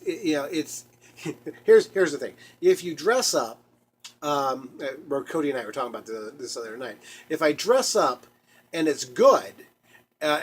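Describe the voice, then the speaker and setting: A man's voice: a little high, slightly rough. A man hosting a solo podcast, rambling casually with frequent restarts, fillers and laughs. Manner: halting, many restarts and laughs. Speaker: podcast host.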